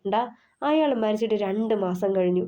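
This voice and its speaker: A woman's voice: medium pitch, expressive, normal speed, muffled recording, lightly acted. A woman reading the part of a wry young male friend with a teasing, sardonic manner.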